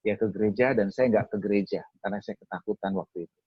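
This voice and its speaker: A man's voice: on the low side, steady tone, fast, slightly rough, no room sound, dull audio. A man telling a personal testimony at a webinar, acting out his own past words as he speaks. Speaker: speaker at a theology school webinar.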